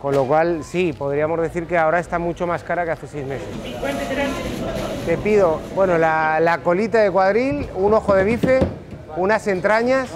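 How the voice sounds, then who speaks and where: A man's voice: high-pitched, normal speed, background noise. A middle-aged man from Spain with an Aragonese accent, chatting casually and explaining things with frequent fillers. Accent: Aragonese Spanish. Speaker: interviewee. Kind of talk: casual chat while touring.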